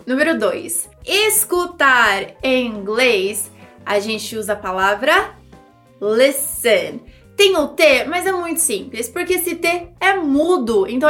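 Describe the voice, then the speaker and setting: Brief: Brazilian woman, English teacher, high bright voice, chatty and lively, faint music underneath. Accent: Brazilian Portuguese. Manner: lively, chatty, demonstrates words slowly for repetition. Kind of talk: pronunciation lesson video.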